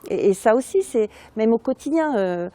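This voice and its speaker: Woman academic, lots of euh and restarts, warm mellow voice, dry close sound. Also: on the high side, animated, normal speed, no room sound. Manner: hesitant, many fillers and restarts. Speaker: sociologist. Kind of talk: explaining in an interview.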